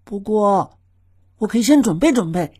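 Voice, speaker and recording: A woman's voice: medium pitch, animated, moderate pace, dark tone, slightly rough. A woman voicing a curious, mischievous young boy in a children's audio drama, eager and playful.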